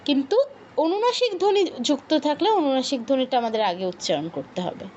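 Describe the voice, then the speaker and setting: A woman's voice: sits high, very animated, fast, a little mellow, lo-fi sound, a little hiss or hum. A woman teaching an online workshop, explaining rules patiently, repeating key points and checking that her students follow.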